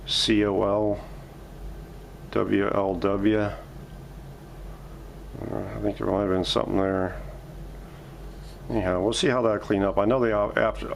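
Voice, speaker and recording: A vintage radio restorer hosting a workshop video talks casually through his hands-on work at home, narrating each step and thinking aloud. His voice is on the low side and creaky, with slight background noise.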